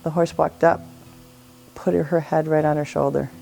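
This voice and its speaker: Brief: earnest woman therapist, low mellow voice, soft guitar underneath. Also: level tone, normal speed, gravelly. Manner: earnest, reflective, storytelling with quoted dialogue. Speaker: equine therapist. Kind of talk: explanatory interview talk.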